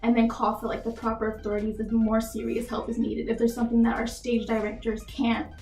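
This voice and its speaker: A young adult retail worker from Texas, applying for a job, answers interview questions in an earnest, filler-heavy way with lots of "like." Her fairly high, slightly mellow voice is monotone and fairly quick, heard in a roomy, rough recording with soft background music.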